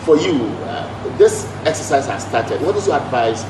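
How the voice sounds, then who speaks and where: A man's voice: on the high side, expressive, normal speed, background noise. A man interviewing a guest, asking long, wordy questions with restarts.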